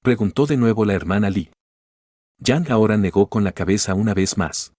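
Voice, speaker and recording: A man narrating a light novel as an audiobook, in a steady, even reading. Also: lowish voice, normal speed, dry recording, studio quality.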